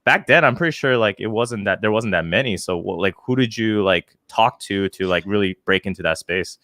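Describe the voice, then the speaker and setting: A man's voice: fairly low pitch, a little fast, fairly bright tone, no echo, clean studio sound. A man hosting a casual interview, asking curious questions with lots of "like" fillers. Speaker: podcast host.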